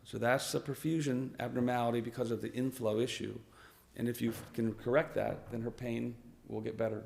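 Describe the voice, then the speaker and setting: Male physician lecturer, raspy and hoarse, mid-pitched, halting delivery. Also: little pitch movement, darkish tone. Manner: halting, with many fillers and restarts. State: hoarse, clearing his throat. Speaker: vascular physician presenting at a conference. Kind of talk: medical lecture on slides.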